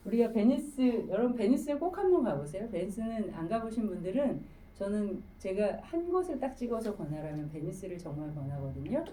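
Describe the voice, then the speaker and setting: A woman lectures a room in a chatty, storytelling way, often putting questions to her listeners. Her voice is dark and mellow, and her pitch swings widely. She sounds a little far from the mic, as if it picks up the room. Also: a little hiss or hum. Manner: lively, conversational storytelling with rhetorical questions. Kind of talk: public lecture.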